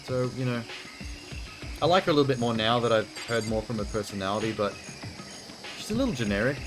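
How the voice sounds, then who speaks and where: A man's voice: medium pitch, expressive, fast. A man hosting a video game playthrough, giving casual, blunt and exasperated commentary and reading game text aloud. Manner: reacts exasperatedly, blunt asides. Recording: music behind the voice. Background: game music.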